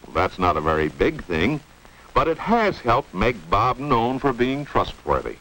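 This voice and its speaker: A man's voice: medium pitch, big pitch swings, measured pace, a bit bright. 1950s American film narrator, man, swooping intonation. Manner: explanatory, rhetorical questions. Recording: noisy vintage 1950s film soundtrack.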